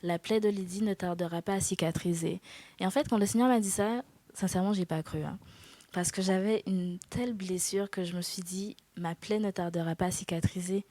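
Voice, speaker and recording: A woman in her twenties giving a personal faith testimony in an interview, earnest and hesitant, with soft laughs. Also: lowish voice, fairly even intonation, fairly quick, dry recording. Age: 20s. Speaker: guest.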